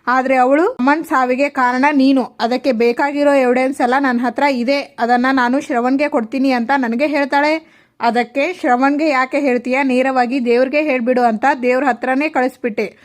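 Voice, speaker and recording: A woman voicing a scheming middle-aged mother who confides her plots calmly and matter-of-factly. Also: sits high, natural voice.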